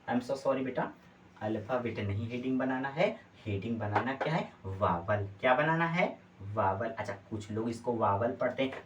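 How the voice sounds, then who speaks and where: A male teacher giving a classroom lesson. He keeps asking his students check questions and answers them himself. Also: medium pitch. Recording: distant mic, faint background noise.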